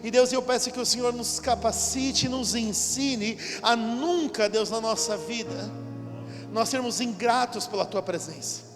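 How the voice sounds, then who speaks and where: A male pastor from São Paulo, Brazil, with a high voice, delivers a sermon and spoken prayer at an unhurried pace. He prays fervently and repetitively, addressing God directly. The setting is a large church hall at a conference, with hall reverb and music behind him.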